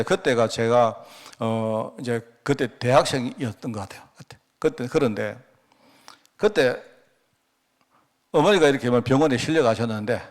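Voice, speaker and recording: A middle-aged man preaching a sermon as pastor, telling a story in a rambling way full of rhetorical questions. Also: mid-range voice. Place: church.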